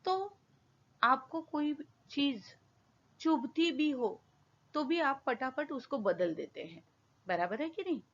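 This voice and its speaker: Casting: woman schoolteacher, slow patient explainer, muffled lo-fi sound. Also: high-pitched, lively intonation, fairly bright tone. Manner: slow, patient classroom explaining with questions to pupils. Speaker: school teacher. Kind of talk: Hindi lesson explaining a poem. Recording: dull lo-fi recording.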